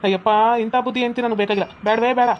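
A woman's voice: a little high, steady tone, rapid-fire, highs cut off, slight background noise, close to an everyday voice. A woman voicing a bossy young husband and brother who scolds his wife, with a North Karnataka Kannada accent. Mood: scolding.

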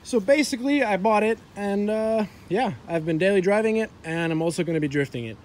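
A young adult car vlogger with a skater-bro vibe talks casually in a higher-pitched, darkish voice, a little fast. He films outdoors in a driveway and an open skatepark, on a phone held at arm's length that picks up ambient noise.

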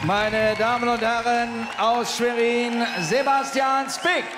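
Casting: male boxing ring announcer, high projected voice, formal and drawn-out delivery, echoey arena PA. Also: level tone, over music. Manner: booming, ceremonious, projecting to the arena. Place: large indoor boxing arena. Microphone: announcer microphone over arena PA. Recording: echoey arena PA with loud crowd noise.

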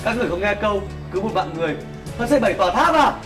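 A protective older brother, played by a man, in a web skit drama. He speaks earnestly and quickly in a fairly high voice, over music. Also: animated. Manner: earnest, pleading. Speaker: actor. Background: background music.

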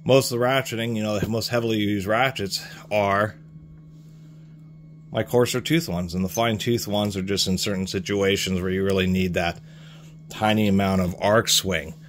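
A man's voice: fairly low pitch, fairly even intonation, moderate pace, slight background noise. A man reviewing hand tools at his workbench in a casual, explanatory way, rambling and restarting his sentences. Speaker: tool reviewer. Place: workshop bench, hands on tools.

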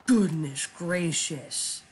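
A man giving casual live commentary while he plays a shooter game, talking in a flat, chatty way with lots of ums. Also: a little high, a little hiss or hum. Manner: self-described monotone, chatty, with frequent ums. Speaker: gaming YouTuber.

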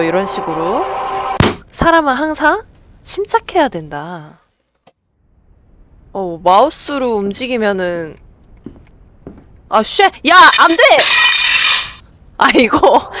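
A woman giving let's play commentary on a tense game, alternating yelps with hushed self-soothing mutters. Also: a little high. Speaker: gaming YouTuber.

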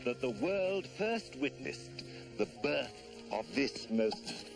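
A man's voice: mid-range voice, very animated, slow, vocal fry, music in the background, heavily acted. A man narrating a mock nature documentary in a pompous, portentous manner.

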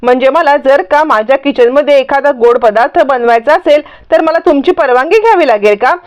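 A woman voicing a sharp-tongued mother who defends her kitchen with indignant, scolding lines. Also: high-pitched, fairly quick, highs cut off, natural voice.

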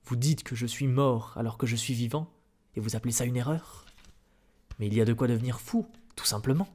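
A man playing an outraged painter who protests and pleads, in a soft-spoken ASMR reading. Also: mid-range voice, fairly quick, lightly acted. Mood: indignant. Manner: exasperated, protesting. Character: indignant middle-aged male painter, outraged and desperate.

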